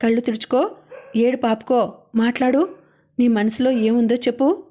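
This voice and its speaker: A woman reading as a gentle older mistress of the house, soft coaxing voice, mellow tone, fairly high, storybook audiobook. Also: fairly even intonation, normal speed, close to an everyday voice. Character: gentle older lady of the house, kind and caring.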